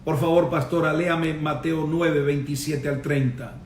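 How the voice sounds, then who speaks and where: A man preaching a sermon in a high voice, pressing each point with fervent amens and hallelujahs. His voice rings out in a roomy, echoing church space. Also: fairly even intonation, measured pace, distant mic, slight background noise. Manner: emphatic preaching, punctuated with amen and hallelujah. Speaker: pastor.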